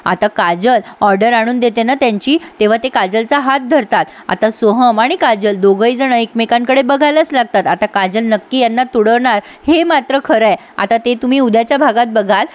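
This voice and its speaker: A woman's voice: on the high side, moderate pace, hardly any pauses. A woman narrating a TV serial recap in a chatty voice-over, chuckling often.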